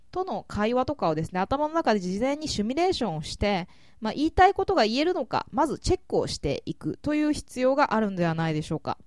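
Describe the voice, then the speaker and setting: A woman hosts a language-learning show and answers listener questions. She is polite and measured and often pauses on fillers, and her pitch moves in a lively, animated way. She is recorded close and dry, with no room sound. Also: dry recording. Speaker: English learning podcast host.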